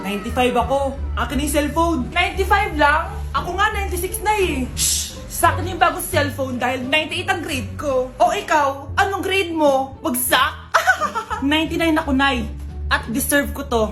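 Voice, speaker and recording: A woman's voice: high voice, lively intonation, normal speed, fairly bright tone, roomy sound, faint music behind. A woman acting out family comedy skits, switching between a mother and her children. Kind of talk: comedy skits playing several roles.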